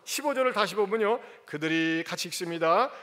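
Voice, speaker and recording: Preacher guy giving a sermon, really lively and bright, acts stuff out, echoey church. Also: high voice, brisk. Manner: animated, acts out scenes. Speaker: pastor. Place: church sanctuary. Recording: church hall reverb.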